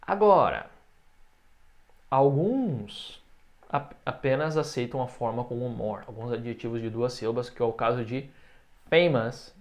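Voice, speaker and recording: A Brazilian man teaching English comparatives, switching between explanations and slow, careful example phrases for his students to repeat. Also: medium pitch. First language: Portuguese. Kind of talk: online language lesson.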